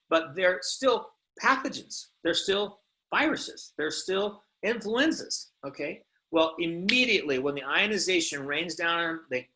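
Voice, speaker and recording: Recorded in low quality, this man's voice sits on the high side with a sharp tone. He's a company presenter pitching products in an informal sales talk, emphatic and insistent, with frequent rhetorical questions.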